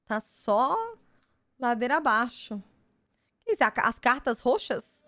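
A young woman with a Brazilian Portuguese accent chats casually to her stream, bursting into gushing exclamations. Her voice sits fairly high. The sound is dry and close. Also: unhurried, no room sound. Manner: gushing, easily excited exclamations. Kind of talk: casual card-opening chat.

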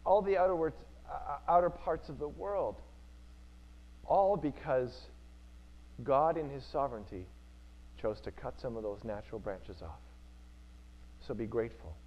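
A man's voice: mid-range voice, highs cut off. A male preacher giving an earnest sermon in church, repeating key phrases for emphasis.

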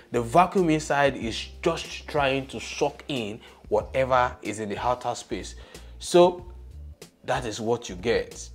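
A young man hosts a poultry channel, walking through a hands-on demonstration step by step with emphasis. He has a mid-range voice and uses a lapel mic in a small studio room.

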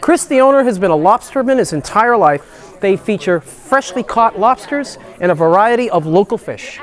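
This man is a market vendor who also hosts the video, introducing sellers in an upbeat, folksy salesman style. His high-pitched voice is expressive and moves at a normal speed through the promotional introductions and voice-over.

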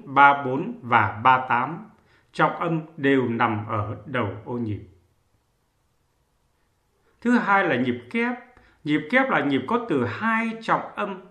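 Brief: male music instructor, higher-pitched voice, deliberate slow delivery, counts beats aloud. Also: fairly bright tone, reverberant. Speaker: music theory teacher. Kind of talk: slow, measured lesson narration.

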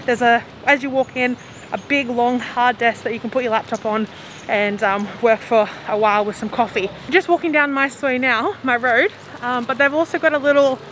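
A young woman travel vlogger with a high, slightly bright voice walks busy city streets, talking to a handheld camera held at arm's length. She rambles casually and laughs often, with traffic and street noise behind her on a rough recording.

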